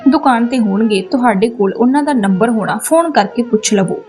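Defiant young wife, sharp and indignant, storybook read, woman voicing her, highish voice. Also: brisk, soft background music, natural voice. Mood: curt. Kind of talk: storybook narration.

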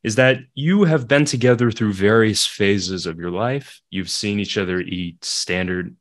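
Chatty young man, lower voice. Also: a little slow. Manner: relaxed, chatty, many fillers. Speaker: podcast co-host. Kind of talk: casual interview chat. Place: home room, indoors. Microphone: desk microphone.

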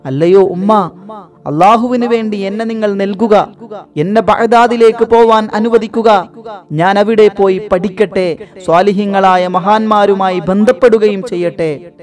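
An earnest, devout boy speaks sincerely and simply, as a male narrator voices him. His voice is fairly high and steady in this storybook reading. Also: unhurried. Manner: earnest, plain-spoken. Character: earnest, devout young boy seeking knowledge.

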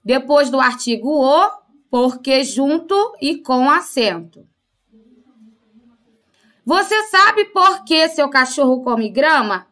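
A woman teaching young pupils, with a high, bright voice. She goes through each point slowly and patiently, checking in with the class as she goes. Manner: patient, explains step by step with frequent "tá?" and "né?" check-ins. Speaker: primary school teacher. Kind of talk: classroom lesson explanation.

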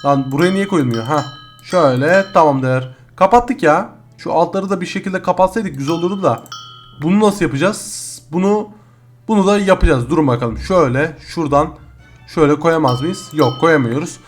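A man's voice: on the high side, normal speed, soft background music. A man hosting a gaming video, talking casually through his gameplay and addressing the viewers as friends.

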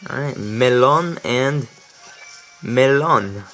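Bright-voiced young man commentating gameplay. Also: medium pitch, drawn-out words, poor audio. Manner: chatty, laughs often, stumbles over words. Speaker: let's play commentator. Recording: faint game music behind.

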